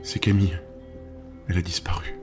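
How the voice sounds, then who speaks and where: A man's voice: fast talker, soft background music, natural voice. Man voicing a frantic pleading young mother. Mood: frightened. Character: panicked desperate young mother, woman.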